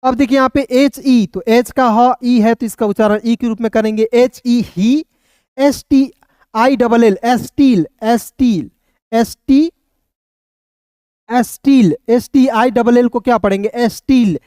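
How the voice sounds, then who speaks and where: A male English teacher walks through spelling and pronunciation rules, sounding out letters before saying each word. His voice is smooth and clear. The recording is close and dry, with no room sound. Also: very high voice, slow pace, darkish tone, no room sound. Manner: spells words letter by letter, often repeating "दोस्तों".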